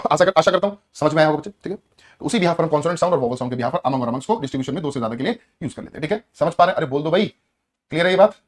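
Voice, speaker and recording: A man's voice: a little high, lively intonation, racing, slight background noise. A man teaching a grammar class to students. He explains patiently, often asks the class questions, and. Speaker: English teacher.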